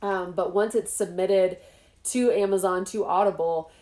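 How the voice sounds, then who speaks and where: A woman's voice: medium pitch, a little slow. Woman host, casual at-home chat, bubbly with frequent laughs, echoey room sound. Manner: bubbly, laughs often, animated asides. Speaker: author hosting an interview.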